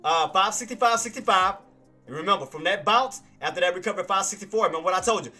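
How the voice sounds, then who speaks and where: A man's voice: high voice, fast talker, bright, forceful tone, faint music behind. A man hosting a live stock trading stream, giving casual market commentary, laughing often and talking to viewers by name. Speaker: stock trading livestream host.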